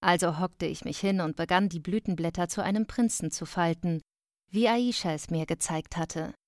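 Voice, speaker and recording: A woman narrating a first-person story in a calm, measured audiobook reading. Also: on the low side, no room sound, studio quality.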